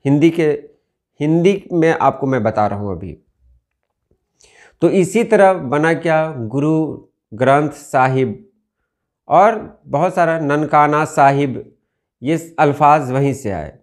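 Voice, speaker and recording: The voice belongs to a man from India, a little high and expressive, teaching Urdu. He explains dictionary meanings of words slowly and deliberately, repeating the key ones.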